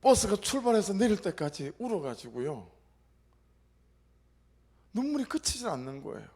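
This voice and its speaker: Middle-aged pastor guy telling a story in his sermon, voice jumps all over, bit husky. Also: high-pitched, moderate pace. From South Korea, Gyeongsang region. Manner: animated storytelling with acted-out quotes.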